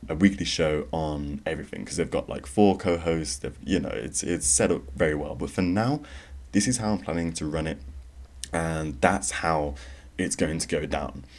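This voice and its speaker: A young man with an extremely low, deep voice hosts a solo podcast. He rambles casually, restarting sentences and filling pauses as he goes. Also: darkish tone. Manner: rambling, conversational, with many fillers and restarts. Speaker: podcast host.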